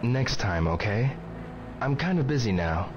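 A man's voice: medium pitch, big pitch swings, measured pace, very noisy. A man playing a stoic, polite young man in a video game, with a serious, clipped delivery. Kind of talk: scripted video game dialogue. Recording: dull, compressed game audio. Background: clear background music.

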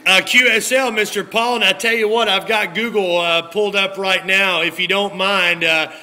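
Filmed close up at his indoor radio desk, a US amateur radio operator talks folksily over two-way radio, full of jargon and repeated phrases. His voice is high-pitched with fairly even intonation and a moderate pace, and the room beside the radio set is noisy.

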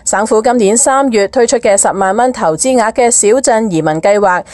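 A woman's voice: on the high side, normal speed, darkish tone, no room sound, studio quality. A woman narrating a scripted news report.

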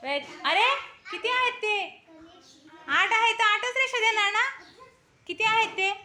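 A woman teaching a class of young children, coaxing and praising them and urging them to answer loudly. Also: extremely high pitch, expressive, a little slow. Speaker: primary school teacher. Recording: noisy classroom recording.

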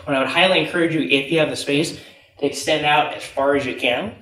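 A man's voice: on the high side, quick pace, a bit bright. A young man giving instructions as a martial arts coach, talking while he demonstrates movements on the floor. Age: young adult. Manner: physically active, talking while moving on the floor. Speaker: jiu-jitsu instructor. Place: matted martial arts gym room, indoors. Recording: echoey room, distant mic, background noise.

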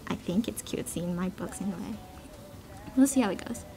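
This one has a dark, creaky mid-range voice, a slightly fast delivery and low-quality recording. An amateur cover singer, she giggles, jokes about herself and rambles casually to online listeners in response to a voice meme, with a song in the background.

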